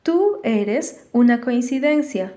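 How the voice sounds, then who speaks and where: Brief: woman playing a scornful storybook boy, calm and cold, mellow tone. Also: fairly high pitch, measured pace. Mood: coldly calm. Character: pale, proud boy, cold and disdainful.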